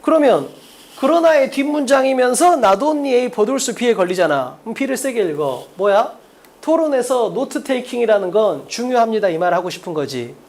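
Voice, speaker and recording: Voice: medium pitch, big pitch swings, normal speed, darkish tone. An English exam-prep teacher explaining a mock test in a lecture, firing rhetorical questions at students and drilling points with emphasis. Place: lecture room at a board.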